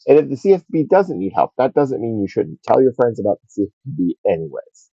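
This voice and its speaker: A man's voice: medium pitch, very animated, fast talker, warm tone, slightly rough, no room sound. A man streaming a game live, rambling and talking to himself as he plays. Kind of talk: casual live gameplay commentary. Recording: dull lo-fi stream audio.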